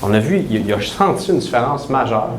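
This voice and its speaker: Fast-talking man in an echoey, noisy room. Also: mid-range voice, expressive. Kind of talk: casual chat. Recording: echoey room with background noise.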